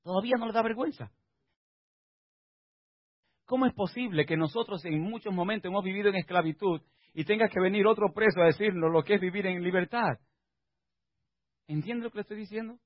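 A male pastor preaching a sermon, swinging from quiet asides to emphatic exhortation and firing rhetorical questions at the congregation. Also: sits high, brisk, pauses often, no room sound, muffled recording.

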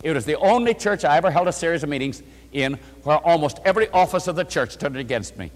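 A man's voice: a little high, animated, fast talker, in a large hall. A male preacher giving an emphatic sermon, calling his listeners friends and leading them through verses together.

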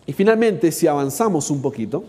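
A man's voice: on the high side, very animated, brisk, darkish tone. A man with an Argentine accent teaching a Bible workshop, asking his audience rhetorical questions. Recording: long hall reverb.

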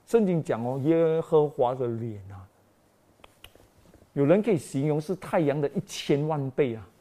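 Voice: mid-range voice, lively intonation, moderate pace, dark tone, a little hiss or hum. A preacher telling a storytelling sermon, acting out scenes with exclamations and sound effects and asking the congregation rhetorical questions.

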